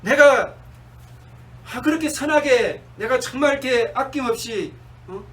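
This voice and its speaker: A male pastor preaching a sermon, asking his congregation questions and answering them himself, sometimes slowing down and dropping to a soft murmur. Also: extremely high pitch, lively intonation, far from the mic, poor audio. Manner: slows down and drops to a near-murmur on key words.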